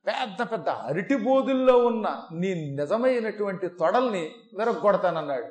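A man giving a devotional scripture discourse, telling it in an animated way and changing his voice to act out the verses. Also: high voice, moderate pace. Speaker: Puranic discourse speaker. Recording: echoey hall recording.

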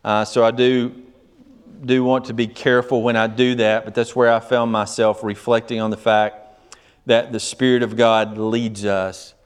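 A pastor preaching a sermon, steady and measured, stretching key phrases slowly for emphasis. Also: male voice, mid-range voice, clean tone.

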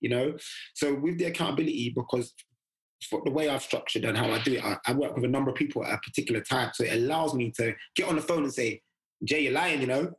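A fast-talking man in casual podcast chat, lively and easy to laugh. His voice sits at an ordinary middle pitch while the words tumble out quickly. He keeps slipping into quick impressions of what other people say. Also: poor audio. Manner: animated, acts out quoted voices, laughs often. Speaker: podcast guest, fathers' fitness coach.

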